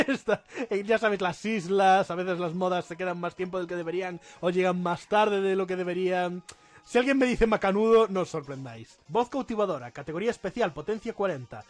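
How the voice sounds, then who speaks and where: A man's voice: high voice, brisk, soft background music. A man giving joking let's play commentary, often breaking into laughter. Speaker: gaming YouTuber.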